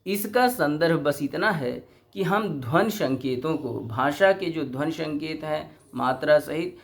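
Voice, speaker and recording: Slow, deliberate lecturing man. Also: fairly high pitch, expressive. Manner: deliberate, poses rhetorical questions. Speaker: teacher educator. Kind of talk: explanatory lecture.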